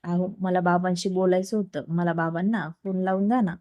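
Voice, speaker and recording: A woman's voice: lowish voice, fairly even intonation, a little fast, no echo, highs cut off, close to an everyday voice. Woman doing a shy young wife. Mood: sweet.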